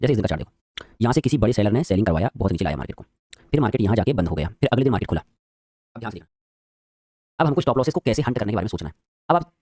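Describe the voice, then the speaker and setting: Rapid-fire man teaching trading. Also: mid-range voice, darkish tone, no room sound, studio quality. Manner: rapid, quizzing the viewers. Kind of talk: live-streamed trading lesson.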